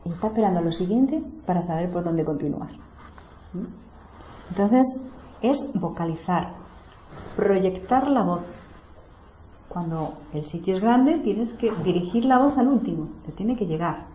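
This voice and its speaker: Woman teaching meditation, calm and patient, mellow voice, roomy dull recording. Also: fairly low pitch, a little hiss or hum. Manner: calm, explanatory, unhurried. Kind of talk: teaching a small group. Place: room with people seated in a small circle.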